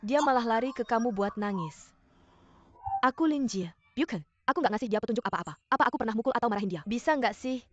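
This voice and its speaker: A woman's voice: fairly high pitch, expressive, quick pace, no room sound, highs cut off. A nagging, doting mother. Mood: scolding. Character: overbearing middle-aged mother, doting on her son. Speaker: dub actress. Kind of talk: dubbed TV drama dialogue.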